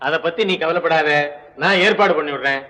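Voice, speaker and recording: An actor playing a kindly male patron who speaks in a warm, reassuring way. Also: a little high, brisk, very noisy, close to an everyday voice.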